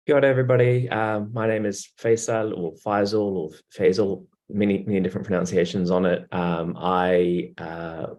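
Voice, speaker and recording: A man's voice: low-pitched, fairly even intonation, moderate pace, few pauses, darkish tone. A man, a lawyer and writer, introducing himself casually and modestly with many fillers. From Iraq, raised in New Zealand.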